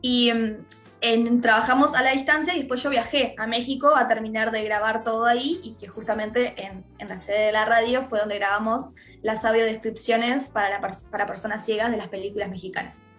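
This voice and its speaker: Woman, rioplatense accent, slightly high voice, muffled lo-fi line, chatty guest. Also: steady tone, a little fast, a bit bright, soft background music. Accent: Rioplatense Spanish. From Uruguay. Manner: chatty, many restarts and fillers. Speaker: radio guest, filmmaker. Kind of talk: conversational radio interview.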